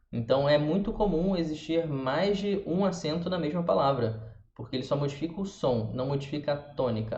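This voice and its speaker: A man's voice: fairly high pitch, a little mellow, highs cut off. Brazilian man teaching pronunciation, roomy sound. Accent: Brazilian Portuguese. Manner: demonstrative, repeating sounds slowly for the viewer. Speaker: language teacher. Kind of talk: pronunciation lesson.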